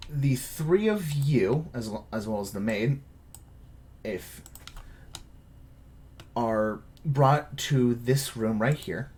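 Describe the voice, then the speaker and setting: A man narrating as game master of a tabletop game, halting and full of fillers. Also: medium pitch, animated, darkish tone.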